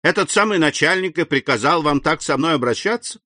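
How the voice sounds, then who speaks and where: A man reading aloud, voicing a frantic aging captive banker who pleads in a high, shrill voice. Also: expressive, a little fast, pushed and bright, no echo. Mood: pleading.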